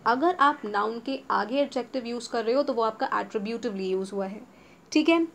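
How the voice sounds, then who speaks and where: A young Indian woman teaching English grammar in an exam-prep lesson, explaining step by step to her students and drawing out example words slowly. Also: on the high side, a little hiss or hum.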